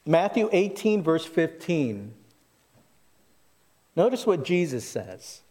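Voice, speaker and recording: A man's voice: fairly high pitch, sing-song, slow pace, darkish tone. A man preaching as a pastor at a pulpit microphone, conversational yet emphatic, repeating phrases and putting rhetorical questions to his listeners. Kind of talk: sermon, expository Bible preaching. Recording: reverberant hall, long echo.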